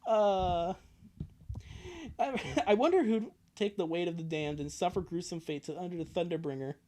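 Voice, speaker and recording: There's slight background noise as a livestreamer with a warm, medium-pitched voice reads fan fiction at normal speed. Exasperated and sarcastic, the streamer keeps interrupting with crude joking commentary and sudden outbursts.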